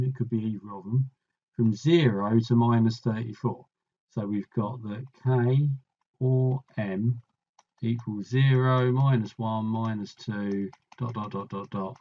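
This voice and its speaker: A man's voice: mid-range voice, mellow, dull audio. A man tutoring, thinking aloud as he works through a maths problem, musing and trailing off mid-sentence.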